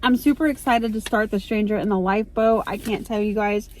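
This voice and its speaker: A middle-aged woman vlogging in casual chat from a parked car into her phone, telling stories in a chatty, excitable way. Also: medium pitch, brisk, slight background noise.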